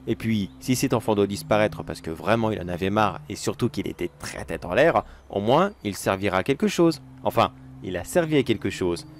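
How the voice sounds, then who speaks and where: A man's voice: on the low side, lively intonation, fairly quick, hardly any pauses, slight background noise. A man telling an acted first-person horror story in a coaxing, wheedling voice that turns sinister.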